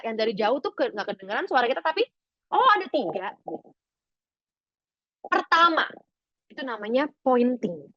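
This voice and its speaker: A woman trainer teaching public speaking in an online webinar, her voice fairly high and full of animated swings in pitch. She sounds close and dry, with the slightly dull, lo-fi sound of a video call. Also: no room sound. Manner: expressive, lively, demonstrates voice exercises. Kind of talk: webinar lesson.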